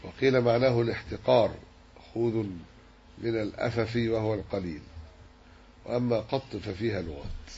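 A man teaching a religious lesson, measured and explanatory as he works through a hadith commentary. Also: fairly low pitch, darkish tone. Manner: measured, explanatory, dwells on word forms. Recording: dull lo-fi recording with faint hiss.

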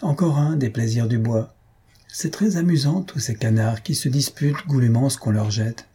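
A man voicing a meddling old spinster aunt in an audiobook, with a husky voice and a chattering, busybody manner. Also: medium pitch, normal speed, mellow. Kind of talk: audiobook character reading.

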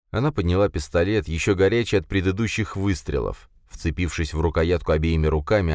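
Low-voiced man narrating a thriller. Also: no echo, studio quality. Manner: expressive, tense storytelling. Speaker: audiobook narrator.

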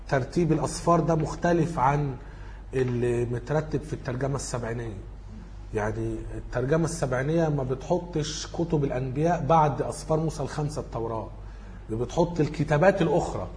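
A man's voice: mid-range voice, fast talker, darkish tone, a little hiss or hum. A man with an Egyptian Arabic accent giving an informal lecture, working through study questions and thinking aloud as he corrects himself.

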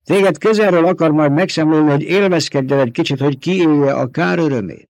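Audiobook character: man voicing a high, feverish old traitor doctor, intimate and coaxing, dry close recording. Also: darkish tone, dry recording, natural voice. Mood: intense, confiding.

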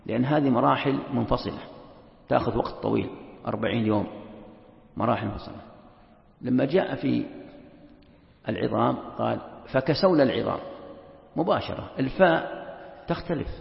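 A man gives an emphatic lecture as a sheikh, repeating phrases and asking rhetorical questions. His voice is deeply gravelly. The sound is dull and lo-fi, with a long reverb tail from a large hall. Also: a little fast, pauses often. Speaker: sheikh teaching Quran commentary. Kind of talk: classroom lecture.

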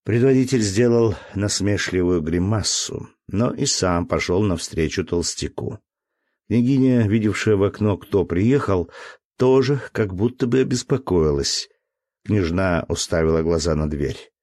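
A man narrating a classic novel in a measured, even reading. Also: low voice, dry recording, studio quality. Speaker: audiobook narrator.

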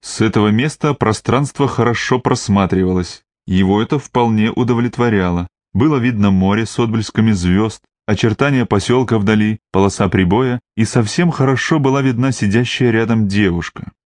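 A man narrating a novel as an audiobook reader, in a measured storytelling way. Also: lowish voice, a little mellow, no room sound, studio quality. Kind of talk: scripted narration.

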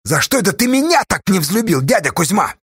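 A defiant young man , as a male reader plays him, pushy and resentful, his voice raised somewhat above the reader's own. He argues with a stubborn, pressing edge. The reading is husky and dry. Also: high voice, sing-song, a little fast, a bit bright, no echo, pitched above the performer's own voice, full character voice.

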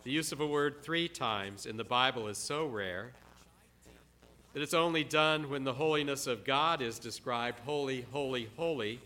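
A man preaching a sermon, repeating words for emphasis and slowing down on quiet, solemn phrases. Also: medium pitch.

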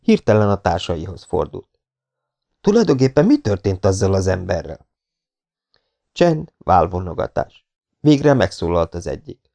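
Guy reading an audiobook, gravelly fry, dark mellow voice, steady pace. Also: low-pitched, long pauses. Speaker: audiobook narrator. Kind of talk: audiobook narration.

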